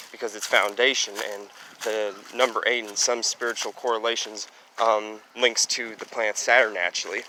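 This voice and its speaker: A young astrology vlogger with a loud, booming voice talks casually while walking outdoors near trees and traffic, rambling with plenty of "you know" and "basically". It's a casual walking vlog monologue. The audio is poor, with outdoor street noise, wind and passing traffic.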